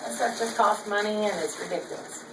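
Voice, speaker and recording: An older Southern woman hosts a home cooking demonstration in her kitchen, chatting folksily at a medium pitch, a little fast, with fairly even intonation. Her son holds the camera, so the distant mic picks up an echoey room and background noise.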